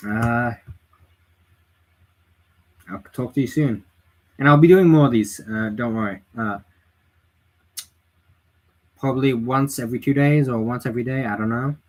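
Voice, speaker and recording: A man casually commenting on a livestream, exclaiming and swearing freely with frequent laughs. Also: mid-range voice. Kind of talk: casual live-stream commentary.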